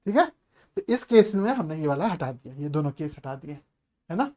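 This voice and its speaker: Guy teaching maths online, pretty high voice, keeps asking the class questions, chatty. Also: very animated, a little fast, warm tone. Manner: chatty, coaxing, asks the class rhetorical questions; mixes English terms into his explanations. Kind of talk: online exam-prep lecture.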